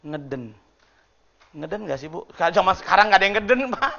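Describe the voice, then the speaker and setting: Guy pastor preaching, jokey with the crowd, high pitched, kinda muffled lo-fi recording. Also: fairly quick, gravelly. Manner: lively, joking with the congregation, acts out groaning voices. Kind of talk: sermon. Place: church hall.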